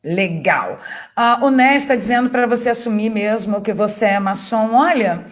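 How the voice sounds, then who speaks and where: A woman's voice: on the high side, moderate pace. A Brazilian woman hosting a live chat, chatty and teasing as she reads viewer comments aloud. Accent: Brazilian Portuguese. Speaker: live stream host.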